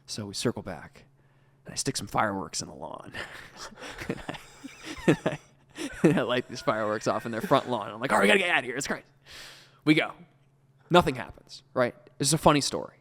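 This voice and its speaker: A man's voice: mid-range voice, lively intonation, brisk, big-room sound. A man co-hosting a podcast, telling a story in casual, rambling chat. He swears freely and laughs his way through it. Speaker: podcast co-host.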